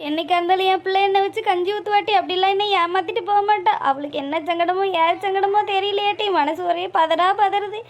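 A woman's voice: very high voice, fairly even intonation, quick pace, hardly any pauses. A woman voicing a grieving old village mother, weepy and pleading. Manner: weepy, pleading, calls listener "makkale".

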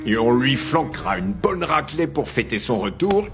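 Dubbing: a gravelly, menacing father, lively pitch. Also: moderate pace, over music. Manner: menacing, commanding. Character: furious vengeful older father. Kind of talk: French-dubbed telenovela.

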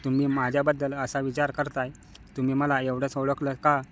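A man's voice: medium pitch, completely flat delivery, a little fast, background noise, close to an everyday voice. A man voicing a devoted young wife who pleads insistently with her husband. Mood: upset.

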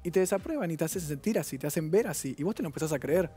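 A young man in his twenties with a Rioplatense accent, speaking as a guest on a TV talk show. He talks quickly and earnestly, in a slightly high but dark, mellow voice. Faint music plays behind him. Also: expressive. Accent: Rioplatense Spanish. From Argentina. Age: 20s. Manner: earnest, rapid, reflective. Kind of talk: personal account on a TV talk show.

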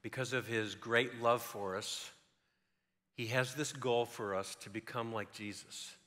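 An older man preaching a sermon in a church, telling stories in an animated way with joking asides. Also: medium pitch, unhurried. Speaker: pastor. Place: church sanctuary. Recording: long reverb of a large hall.

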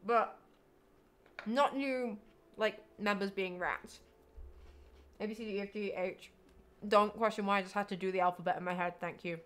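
A woman's voice: medium pitch, steady tone, moderate pace, long pauses, fairly bright tone. A woman streaming a block-building game, chatting casually and thinking aloud, now and then bursting into delighted squeals. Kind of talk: casual live-stream chat while building.

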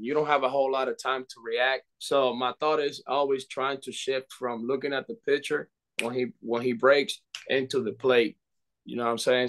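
A man's voice: medium pitch, fairly bright tone. Earnest Dominican-accented man on a video call. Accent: Dominican Spanish. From Dominican Republic. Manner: earnest, with many restarts and "you know". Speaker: baseball coach. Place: indoor room. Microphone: webcam on video call.

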